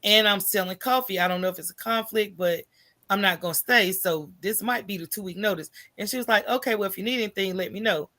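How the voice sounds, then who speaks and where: Talking fast in a mid-range voice, an American woman shares stories as a podcast guest. She's animated, colloquial, and candid, regularly checking in with "right?".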